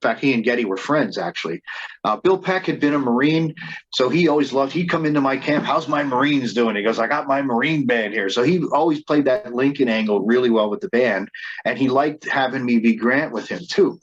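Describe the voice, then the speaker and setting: A band leader and reenactor being interviewed tells stories casually, often restarting and repeating words. His medium-pitched voice moves a little fast, and the recording sounds muffled.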